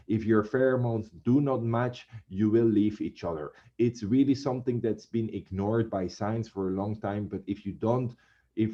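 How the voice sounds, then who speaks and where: Chatty teacher guy, lowish voice, muffled lo-fi sound. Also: dark tone. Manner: chatty, addresses students as guys. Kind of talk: classroom lecture.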